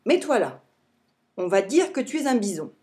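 A woman voicing an excitable little hamster boy who wants to be a cowboy, eager and bossy. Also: medium pitch, normal speed, natural voice.

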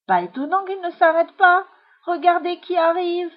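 Woman doing earnest fretful earthworm, husky, storybook, dull lo-fi. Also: high voice, expressive, a little slow. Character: small timid male earthworm, emotional. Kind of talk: storybook reading. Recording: dull lo-fi recording.

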